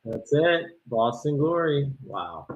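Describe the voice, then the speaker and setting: Reacting live to an ultimate frisbee match, this streamer talks slowly in a voice on the high side. He shouts loudly at big plays before settling back into relaxed chat with his viewers, and the stream audio is dull and lo-fi.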